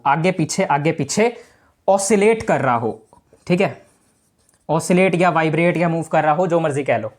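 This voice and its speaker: A male teacher giving a casual physics lesson to students, talking informally and repeating the key points. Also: high voice.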